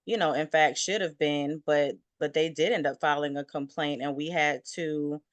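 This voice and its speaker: A woman working as an insurance claims adjuster, giving steady advice as an interview guest and often saying "you know". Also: low voice, normal speed, no echo. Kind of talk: interview conversation.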